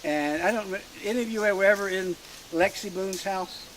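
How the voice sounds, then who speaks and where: Halting middle-aged man, slightly high voice. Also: fairly bright tone, slight background noise, low-quality recording. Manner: hesitant, halting delivery with many fillers and restarts. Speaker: family historian speaking at a family reunion. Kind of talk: informal storytelling speech to a gathered group. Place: outdoors at a rural graveside.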